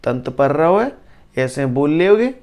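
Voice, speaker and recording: A male physics teacher, lecturing a class, quizzing students and repeating definitions slowly. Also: a little high, sing-song, a little mellow.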